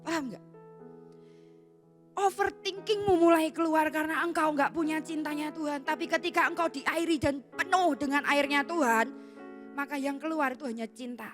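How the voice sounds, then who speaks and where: High-voiced woman preaching, faint music. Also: steady tone, moderate pace. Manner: casual colloquial preaching, acts out quoted voices. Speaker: youth pastor. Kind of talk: sermon.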